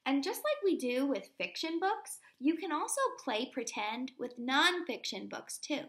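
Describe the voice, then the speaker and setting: A woman in her thirties, a primary teacher, reads aloud to young children in a lesson, keeping things simple and asking questions along the way. Her voice sits high and sounds animated and a bit bright, at a measured pace.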